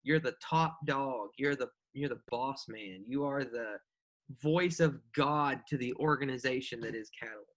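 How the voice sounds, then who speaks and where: A man's voice: medium pitch, a bit bright. A man co-hosting a podcast, joking and teasing his guest in casual chat. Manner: joking, teasing, quick to banter. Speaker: podcast co-host.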